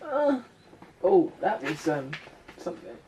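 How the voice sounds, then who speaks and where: A young woman doing a chatty, self-deprecating makeup vlog in her bedroom, sometimes breaking into excited squeals. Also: lowish voice, takes it slowly, noisy background. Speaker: beauty vlogger. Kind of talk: chatty get-ready-with-me vlog.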